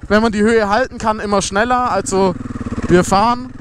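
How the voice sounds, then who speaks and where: A young motovlogger gives a casual how-to on riding while out on a motorcycle on a closed road, filmed with a helmet or body camera. His voice sits high and moves at a moderate pace, with faint motorcycle engine noise in the background.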